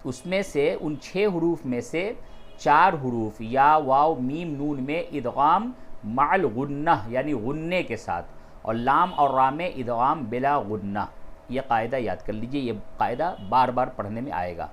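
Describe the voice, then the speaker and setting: A man's voice: mid-range voice, slight background noise. Patient male Quran reading teacher. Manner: patient, explains rules step by step and repeats key terms; switches between plain explanation and slow, drawn-out melodic recitation. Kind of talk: step-by-step tajweed lesson.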